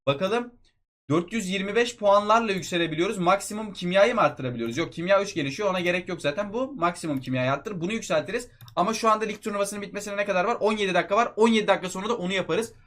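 A young man rattles off excitable commentary as he plays a mobile football game, addressing his viewers like old friends. His delivery is rapid and restless, and his voice sits a little high.

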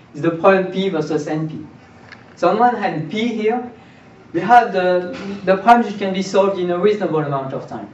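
A young man giving a math seminar lecture in a classroom, explaining step by step and often restarting and repeating his words. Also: fairly high pitch. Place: lecture room with projector screen. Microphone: far camera, no mic. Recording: roomy, distant, dull camera audio with faint hiss.

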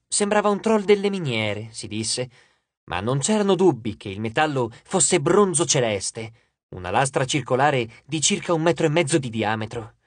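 A male reader narrates an audiobook with measured, expressive delivery. His pitch is lively and animated, and the recording is dry and close. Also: dry recording. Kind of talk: scripted narration.

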